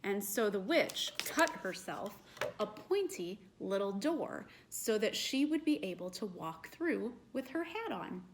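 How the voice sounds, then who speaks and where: A woman children's librarian reading a storytime tale aloud, gently asking the children questions. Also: mid-range voice, sing-song, a little slow, noisy background.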